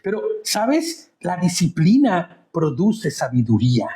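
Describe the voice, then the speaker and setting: A man's voice: high voice, very animated, takes it slowly, mellow. A man teaching a conversational Bible study, often turning to his listeners with questions. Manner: chatty, asks listeners questions.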